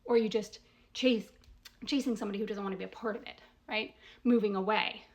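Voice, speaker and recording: A mid-range female voice moves at a quick pace with a steady tone. Acting as a commentator, she casually picks apart a voicemail, reasoning through it emphatically, raising searching rhetorical questions and regularly checking in with "right?"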